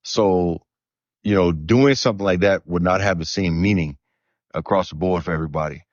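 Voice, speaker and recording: A man hosting a relationship talk show, asking measured, probing questions. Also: low voice, darkish tone, dry recording, lo-fi sound. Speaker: host. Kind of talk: interviewing panelists.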